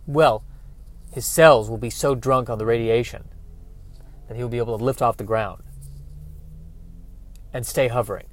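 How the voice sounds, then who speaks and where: A man voicing an alien father who calmly explains nonsense science to his wife in a low, patronizing tone. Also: normal speed, pauses often, natural voice.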